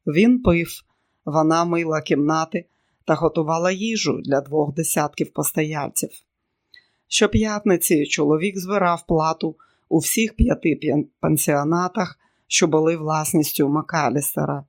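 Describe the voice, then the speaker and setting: A man narrating an audiobook in a measured, steady way. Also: fairly high pitch. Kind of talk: scripted narration.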